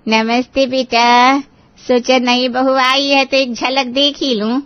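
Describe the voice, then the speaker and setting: A woman voicing a chatty, flattering elderly neighbour auntie in a cartoon, with rustic turns of phrase. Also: high-pitched, takes it slowly, clean tone, no echo, muffled recording. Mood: gushing.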